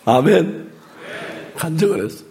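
Gravelly, animated preacher. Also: male voice, on the high side, unhurried. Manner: animated storytelling, acting out voices. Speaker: pastor. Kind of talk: sermon with testimony story.

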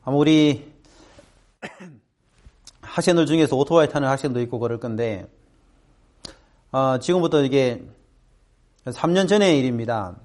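Animated middle-aged man telling a story. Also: measured pace, pauses often. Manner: animated, acts out quoted voices with big pitch jumps. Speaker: speaker addressing students. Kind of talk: storytelling talk.

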